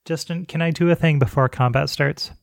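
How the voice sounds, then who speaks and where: A man playing a tabletop game, eagerly planning moves out loud. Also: fairly high pitch, fairly quick, gravelly, dry recording, clean studio sound. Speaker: player. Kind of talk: casual tabletop play.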